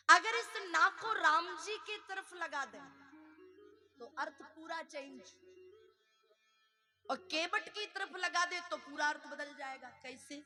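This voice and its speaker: A woman's voice: sits high, bright, forceful tone. A woman religious storyteller giving a devotional discourse, asking her listeners rhetorical questions and breaking into sung verses.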